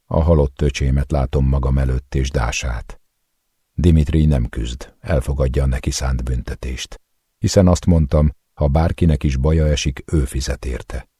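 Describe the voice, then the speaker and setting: Super deep husky guy reading an audiobook, dark and dry, intense first-person narration. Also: no room sound.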